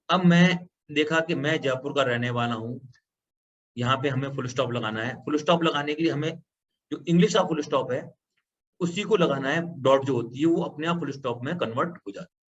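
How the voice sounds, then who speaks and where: In a screen-recorded software tutorial, a man with a mid-range, slightly bright voice speaks fairly quickly, patiently explaining each step as he goes. The audio is slightly dull and lo-fi, with a faint background hum.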